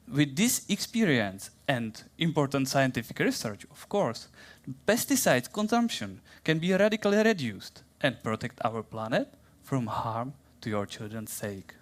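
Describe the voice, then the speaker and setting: A young man with a Czech accent giving a playful, theatrical science talk in a plant's voice, then answering questions in halting English. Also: mid-range voice, big pitch swings. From Czech Republic. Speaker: science communication contestant.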